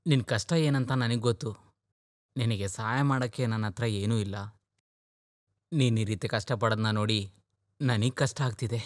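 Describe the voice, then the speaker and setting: A man's voice: mid-range voice, steady tone, normal speed, long pauses, dry recording, studio quality, close to an everyday voice. A man playing a firm, caring elder brother. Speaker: dubbed film character. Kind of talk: dubbed film acting.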